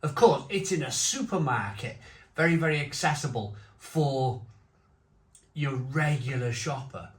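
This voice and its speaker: A man giving a casual, unscripted review at home, talking haltingly and repeating his phrases. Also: medium pitch, animated. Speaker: food and beer reviewer. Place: home conservatory. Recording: roomy echo, faint background noise.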